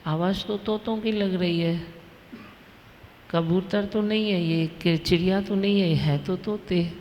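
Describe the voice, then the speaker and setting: A woman, a spiritual teacher telling a devotional story to an audience in a large hall, unhurried and vivid. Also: lowish voice, a little hiss or hum. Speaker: spiritual teacher leading a satsang. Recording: long reverb of a hall.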